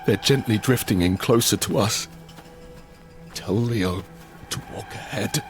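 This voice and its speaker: Over background music, a man narrates a zombie apocalypse audio drama as a tense survivor, mixing first-person narration with acted dialogue. His natural voice is lowish and measured in pace, and his short, suspenseful phrases keep the mood tense and hushed.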